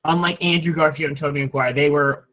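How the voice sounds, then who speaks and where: A man's voice: a little high, fairly even intonation, quick pace. A man co-hosting a podcast, explaining things matter-of-factly in casual chat. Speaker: podcast co-host. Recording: tinny phone-like line.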